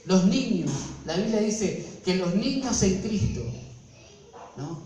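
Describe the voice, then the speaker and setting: An Argentine pastor with a high voice preaching in a church, heard from a distance. He keeps throwing rhetorical questions at the congregation. The room echoes heavily and faint noise sits under him. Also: animated, takes it slowly. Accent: Argentine Spanish. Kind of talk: sermon.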